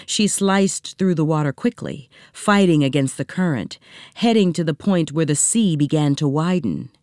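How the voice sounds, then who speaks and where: A woman narrating a children's story in a recording studio, reading gently and expressively. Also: deep voice, moderate pace, no echo. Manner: gentle, expressive read-aloud with voiced characters.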